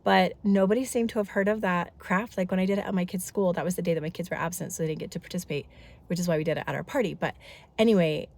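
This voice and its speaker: This family vlogger, a woman in her thirties, has a fairly low, creaky, slightly mellow voice and talks quickly. Stuffed up from a head cold, she rambles casually and keeps drifting into side comments.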